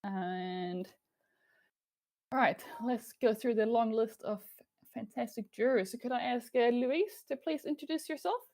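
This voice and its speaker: A woman's voice: fairly high pitch, measured pace, warm tone. A woman chairing an online event in a semi-formal way, speaking over a video call. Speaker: chair and host.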